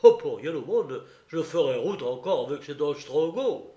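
A man reading aloud voices a cowardly, eager-to-please militia lieutenant who makes loud, whiny excuses. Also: high voice, extremely slow, vocal fry, dull audio, pitched above the performer's own voice, exaggerated voice. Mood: excusing. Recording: roomy echo.

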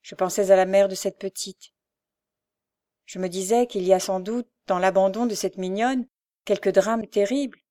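A woman's voice: medium pitch, fairly even intonation, moderate pace, close to an everyday voice. Woman reading as a tender poor mother. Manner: gentle, earnest. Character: poor young mother, tender and devout wife. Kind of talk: audiobook character voice.

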